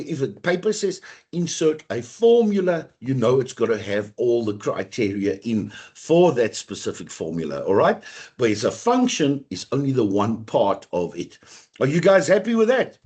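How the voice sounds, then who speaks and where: A man teaching an online exam-prep class over a computer mic, chatty, with a rough, coughing throat and a habit of saying "guys". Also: medium pitch, a little mellow. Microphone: computer mic on a video call.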